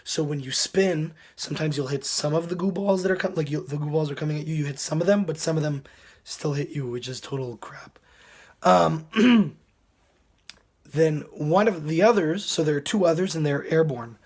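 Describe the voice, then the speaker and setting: Male game vlogger, a little high-pitched, hoarse and under the weather, casual delivery with throat clearing. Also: brisk, darkish tone. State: hoarse, sick, losing his voice. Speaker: video game reviewer. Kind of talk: casual commentary to viewers.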